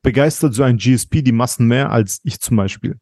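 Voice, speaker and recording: A man's voice: mid-range voice, a little mellow, dry recording. Hesitant male podcast co-host, dry sound. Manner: halting, hesitant phrasing. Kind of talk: casual podcast chat.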